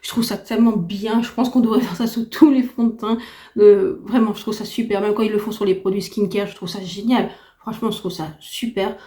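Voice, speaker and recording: A woman's voice: medium pitch, fairly even intonation, fairly quick, mellow. A woman giving a chatty, enthusiastic beauty review to camera, her unsteady voice giving out after a heavy cold. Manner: chatty, enthusiastic, repetitive emphasis. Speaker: beauty vlogger. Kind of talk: casual product review to camera.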